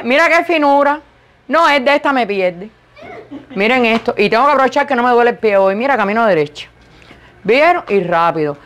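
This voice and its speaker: Loud high-voiced woman clowning in a boutique. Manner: playful, joking, self-mocking. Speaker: vlogger modeling boutique clothes. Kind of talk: casual chatty vlog. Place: clothing boutique.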